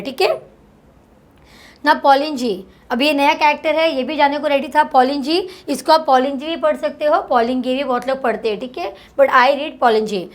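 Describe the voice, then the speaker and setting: A woman tutor with an Indian accent, reading English lines slowly and explaining them in Hindi. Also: sits high. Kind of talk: explaining a textbook lesson.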